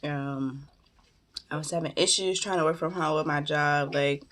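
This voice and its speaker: Over heavy background noise, a woman with a low-sitting voice speaks at a moderate pace with fairly even intonation. She's a vlogger doing a casual storytime mukbang, eating and talking with her mouth full, using slangy phrasing and acting out quoted dialogue from her personal stories.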